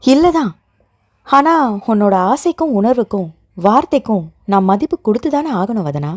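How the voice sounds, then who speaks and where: A woman voicing a protective young man who comforts his fiancée and gently scolds her. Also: high voice, sing-song, normal speed, no echo, studio quality. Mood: tender reassurance.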